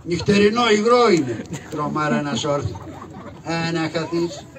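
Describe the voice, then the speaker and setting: A man's voice: a little high, expressive, natural voice. A man doing Karagiozis, cheeky shadow-puppet trickster. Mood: mocking cursing. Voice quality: brash, mocking, quick insults and curses. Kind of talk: live shadow puppet theater. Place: live show before an audience. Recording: distant live stage recording with audience noise.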